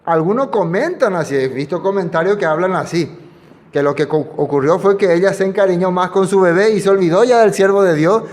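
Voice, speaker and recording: A man's voice: high-pitched, brisk, darkish tone, big-room sound. A man preaching, talking in a conversational way and asking his listeners questions. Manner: conversational, asks the audience questions. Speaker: pastor. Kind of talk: expository sermon.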